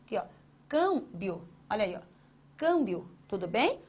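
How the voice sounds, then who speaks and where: A woman's voice: medium pitch, big pitch swings, a little mellow, breathy edge. A woman teaching an exam-prep grammar lesson. She asks questions and answers them herself, and stretches out syllables as she writes. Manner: drawn-out syllables while writing on a board.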